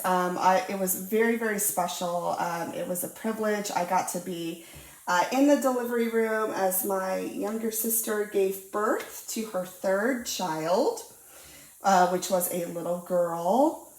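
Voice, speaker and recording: A young woman hosting a diamond painting channel chats cheerfully at her crafting table, bubbly and relaxed, with lots of ums and uhs. Her medium-pitched voice sounds stuffy and slightly nasal from a cold, she speaks slowly, and the roomy space gives it an echo.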